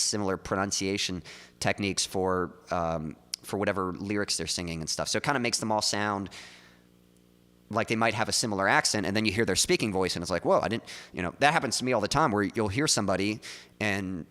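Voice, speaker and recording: A man with a somewhat low voice chats casually on a livestream, rambling a little with plenty of "like" and "um". He speaks into a studio mic just in front of his mouth, and a long reverb tail trails after his words. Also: a little fast, pushed and bright. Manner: loose and chatty, full of likes and ums. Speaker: streamer and songwriter.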